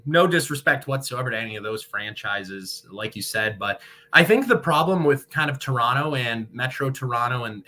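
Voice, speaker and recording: A young man who calls hockey play-by-play on radio appears as an interview guest, giving articulate, wordy answers. His voice is medium-pitched with a sharp tone.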